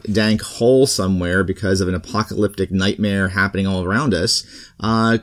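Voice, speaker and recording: A man's voice: lowish voice, a bit bright. A man hosting a podcast in casual, jokey, rambling chat. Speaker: podcast host.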